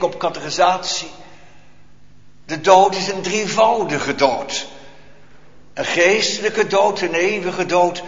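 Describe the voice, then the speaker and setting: A man preaching a solemn sermon, asking rhetorical questions and leaving long pauses. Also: sits high. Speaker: pastor. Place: church hall. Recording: echoey church hall, dull lo-fi.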